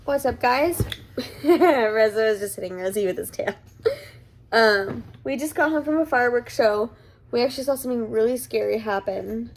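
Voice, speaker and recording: Young woman, slightly high voice, giggly casual vlog storyteller. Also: moderate pace, slight background noise. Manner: giggly, chatty, lots of fillers. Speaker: vlogger.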